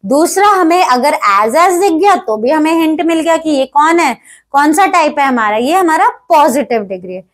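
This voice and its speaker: A woman teaching a grammar lesson, explaining step by step, checking often whether students follow, and reading English example sentences slowly. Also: high voice, animated.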